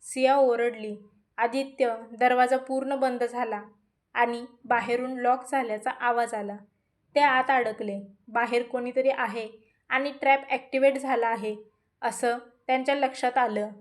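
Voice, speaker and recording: A woman narrating a dramatic story in a steady, measured reading voice. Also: fairly high pitch.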